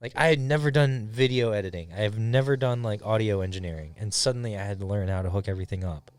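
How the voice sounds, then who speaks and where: Rambling low-voiced male podcast host. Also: quick pace, no echo. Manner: rambling, laid-back, many restarts. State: high. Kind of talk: casual chat. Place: studio.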